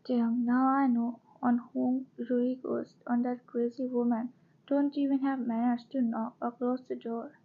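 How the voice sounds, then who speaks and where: A woman voicing a calm, stern young male professor who gives flat, firm replies in a fan-fiction reading. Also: fairly high pitch, measured pace, phone-quality sound. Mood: cold.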